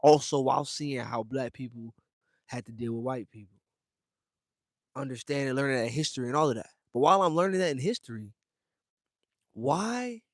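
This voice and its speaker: A young man from the United States rants casually to his viewers, heavy on slang and constantly calling them fam and bro. His voice sits a little high for a man, and he talks emphatically with loud bursts. The sound is close and dry, with no room around it. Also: no echo. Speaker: streamer talking to viewers. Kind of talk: casual livestream rant.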